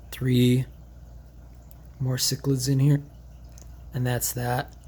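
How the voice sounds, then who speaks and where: A man's voice: medium pitch, dark tone, husky. A man casually touring his home fish tank, rambling and thinking aloud with fillers and restarts. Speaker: aquarium hobbyist vlogger. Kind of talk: casual tank tour vlog. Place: indoors beside a fish tank.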